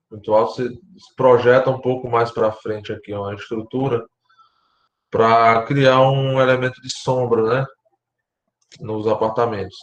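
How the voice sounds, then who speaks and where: A Brazilian man lecturing architecture students online, explaining step by step and often checking in with his class, his voice going hoarse. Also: medium pitch, reverberant, highs cut off. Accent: Brazilian Portuguese. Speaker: university lecturer.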